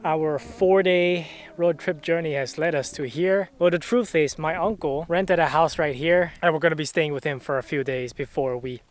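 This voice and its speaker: A man's voice: on the high side, moderate pace, few pauses, a little hiss or hum. A young man narrating a casual travel vlog, explaining the sights as he goes in a chatty tour-guide way. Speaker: travel vlogger.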